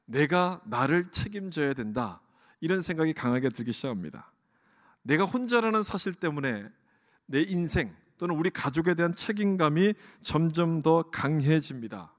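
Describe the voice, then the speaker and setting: A man's voice: fairly high pitch, sing-song, normal speed. A pastor preaching an earnest sermon to his congregation in a church, often asking them questions. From Korea. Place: church sanctuary. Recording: long church hall reverb.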